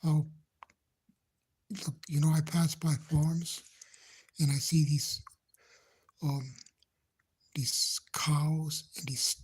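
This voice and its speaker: A man livestreaming from a phone indoors at home, chatting gently with viewers in a hushed, halting whisper so no one in the house hears him. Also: fairly high pitch, level tone, husky. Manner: halting, rambling, gentle, nervous. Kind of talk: hushed casual live chat. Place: indoors in a house he shares, speaking quietly.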